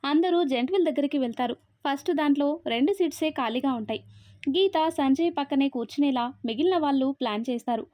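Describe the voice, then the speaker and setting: A woman narrating a story in a steady storybook reading manner. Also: sits high, fast talker, no echo. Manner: steady storybook reading, voices every character herself. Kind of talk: scripted narration. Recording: dry, slightly dull recording.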